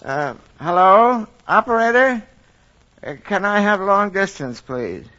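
A jolly, gentle Santa Claus. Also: male voice, medium pitch, animated, measured pace. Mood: chuckling. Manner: bumbling, mild and chuckling. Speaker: comedy guest star. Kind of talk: 1940s radio comedy acting. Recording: dull old radio broadcast with faint hiss.

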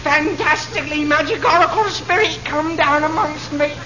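Bumbling quack faith healer, high-voiced, mock-solemn prayers over the sick, dull recording. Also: male voice, normal speed, very noisy. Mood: grandly invoking. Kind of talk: comedy sketch acting. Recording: dull, lo-fi, loud music behind.

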